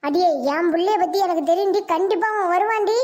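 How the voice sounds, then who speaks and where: A woman's voice: very high voice, fast talker. A woman voicing an angry, bitter aging mother in a cartoon, scolding and accusing. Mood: insistent. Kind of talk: Tamil cartoon voice acting.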